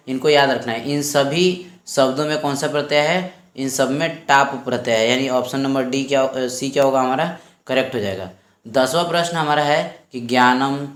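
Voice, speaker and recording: Echoey male teacher explaining exam questions. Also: mid-range voice. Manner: explains step by step, repeats each question aloud. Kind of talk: exam-prep lesson. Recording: echoey room.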